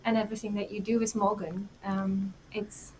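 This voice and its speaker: A woman in her thirties with a Czech accent, chatting as an interview guest, warm and giggly with many pauses and fillers. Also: mid-range voice, little pitch movement, a little hiss or hum, low-quality recording. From Czech Republic. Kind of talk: casual interview talk.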